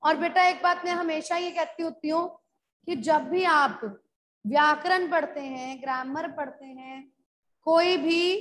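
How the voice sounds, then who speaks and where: A high-voiced woman teaching a revision class at an unhurried pace. She draws out key words for her students to take down and drops in English words as she explains. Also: a bit bright. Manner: drawn-out dictation of key words, calls students "beta". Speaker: school Hindi teacher. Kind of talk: online class revision lesson.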